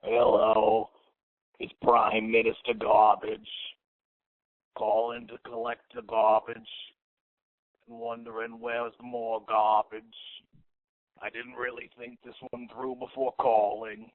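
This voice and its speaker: Man caller, landline phone voicemail, gravelly voice, slow drawl, tinny dry phone line. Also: mid-range voice, no room sound. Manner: rambling joke message, slow and gravelly. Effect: over a landline phone voicemail.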